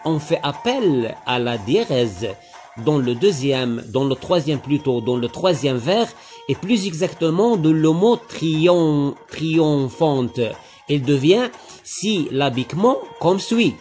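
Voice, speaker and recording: A man giving a literature lesson, analysing a poem slowly and deliberately, spelling out syllables. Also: fairly high pitch, animated, darkish tone, faint music behind. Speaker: literature teacher. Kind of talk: lecture-style poem analysis.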